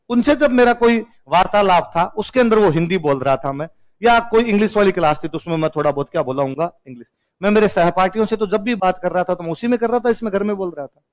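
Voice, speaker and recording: A man's voice: high voice, low-quality recording. A man with a Rajasthani accent whose first language is Rajasthani, teaching a humorous classroom lecture and playfully repeating words to contrast how they are said. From Rajasthan, India.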